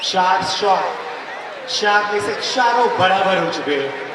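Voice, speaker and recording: A man shouting live football commentary and crowd announcements at an outdoor ground, heard over loudspeakers. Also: high voice, expressive, slow, background noise. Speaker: match commentator. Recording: echoey loudspeaker sound from far off.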